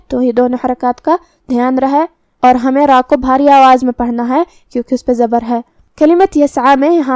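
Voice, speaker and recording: A woman teaches Quran recitation rules in a patient, methodical way, going through each letter and vowel in turn. Her voice sits high in pitch. The recording is dry and close, with no room sound. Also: warm tone, no room sound. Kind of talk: tajweed lesson with slow recitation.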